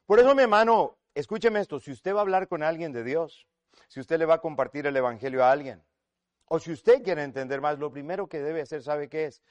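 A man preaching a sermon, swinging between loud declarations and hushed asides and speaking to each listener as "brother". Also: fairly high pitch, brisk, no echo. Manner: acts out quoted voices in retold scenes.

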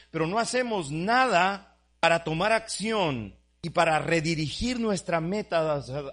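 Male pastor, high bright voice, emphatic sermon delivery. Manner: emphatic, repeats "my brother", acts out quotes. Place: church service, also streamed.

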